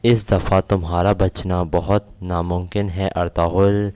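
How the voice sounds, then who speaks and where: A ruthless male commander barking orders to hunt down his enemy, his lines read out by a man. The delivery stays plain. The voice is very low and level. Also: flat delivery, darkish tone, clear, resonant tone, no echo, natural voice. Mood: commanding. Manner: plain read-out of a quoted line.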